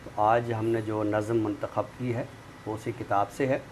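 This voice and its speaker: His voice is low, flat, and unhurried, with a darkish tone. A Pakistani-accented man, he is a literary commentator and talk show guest expert who discusses language and literature, explaining with examples in a didactic style, against clear background noise.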